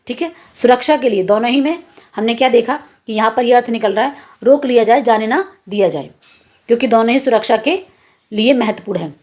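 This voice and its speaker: A woman teacher walks students through a lesson in a patient, clear way. Her voice sits a little higher than usual. She says the examples slowly and asks questions as she goes. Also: a little mellow. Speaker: Hindi teacher. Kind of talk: classroom lesson explaining exercises.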